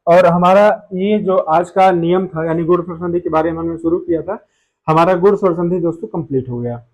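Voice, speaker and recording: Man, high voice, grammar teacher, step-by-step explaining, asks then answers himself. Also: fairly quick, darkish tone, low-quality recording. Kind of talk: online grammar lesson.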